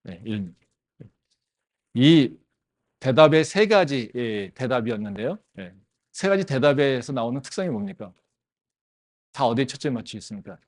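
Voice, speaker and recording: A male pastor preaching to a campus congregation, and his voice rises and falls in wide, lively swings. He keeps tossing rhetorical questions to the listeners and fills the gaps with short affirming interjections. He sits at a middle pitch for a man. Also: normal speed, long pauses. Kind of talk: sermon. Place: campus church service.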